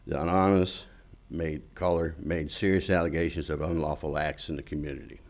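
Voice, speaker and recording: A man's voice: very deep voice, fairly even intonation, fairly quick, darkish tone. A man reading a report aloud as a citizen commenter at a council meeting.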